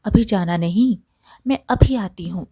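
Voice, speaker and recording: A woman voicing a kind young village daughter-in-law who talks gently and caringly. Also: mid-range voice, a little slow, breathy edge, dry recording, clean studio sound.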